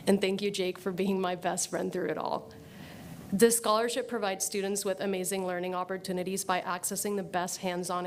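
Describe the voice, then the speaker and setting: A Puerto Rican woman in her twenties, a scholarship graduate, gives an earnest, thankful prepared speech from a podium in an event hall, speaking at a measured pace. Her voice is fairly low in pitch, and the recording has a little hiss or hum.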